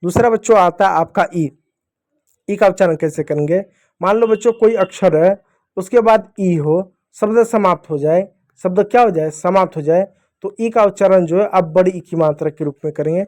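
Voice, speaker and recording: A young man teaches small children how to read, his voice pitched high yet soft and mellow. He goes patiently, posing each rule as a question and then answering it himself. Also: moderate pace. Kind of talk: phonics lesson for young children.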